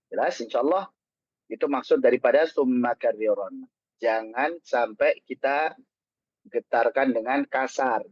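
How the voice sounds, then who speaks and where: A man teaching children Quran recitation rules in an online lesson. He is patient, repeats his points, asks the pupils questions and slows down to model each word. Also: medium pitch, no room sound. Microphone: online call microphone. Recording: dull, dry online call audio.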